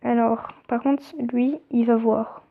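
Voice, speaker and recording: Young woman, let's play commentary, casual, thinks out loud, high pitched, tinny audio. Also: fairly even intonation, slow, creaky. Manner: chatty, reads game text aloud, thinks out loud. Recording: tinny phone-like sound.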